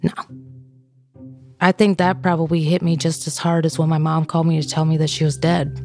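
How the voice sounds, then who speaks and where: Woman, interviewee, low voice, heavy vocal fry, plain-spoken, informal conversational recounting, faint background music. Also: flat delivery, fairly quick, dark tone.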